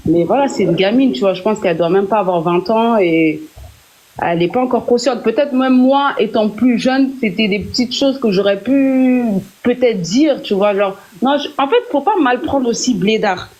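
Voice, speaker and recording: A woman's voice: fairly high pitch, moderate pace, darkish tone, highs cut off. Young French woman speaking candidly. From France. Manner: candid, earnest, many restarts and fillers. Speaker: guest on a live stream. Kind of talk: casual live chat.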